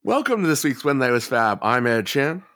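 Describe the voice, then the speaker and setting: A man hosting a podcast, relaying music news in casual chat at a measured, newsy pace. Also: medium pitch, big pitch swings. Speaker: podcast host.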